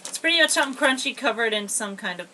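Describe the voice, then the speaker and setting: Bright, excitable young-sounding woman. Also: fairly high pitch, a little hiss or hum, rough recording. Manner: excitable, quick to exclaim and explain. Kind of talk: casual group snack tasting.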